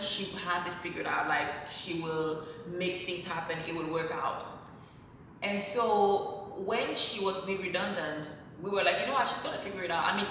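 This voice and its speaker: A French-speaking woman from Cameroon, an online content creator, chats with viewers about something that happened to her, acting out her own thoughts along the way. Her voice sits on the low side and comes across pushed and bright. The mic is distant in a very echoey room, with faint noise.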